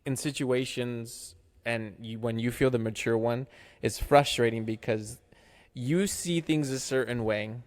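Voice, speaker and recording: A man's voice: medium pitch, fairly even intonation, unhurried. A man in casual podcast chat who talks reflectively, offering advice and often restarting his sentences. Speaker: podcast co-host.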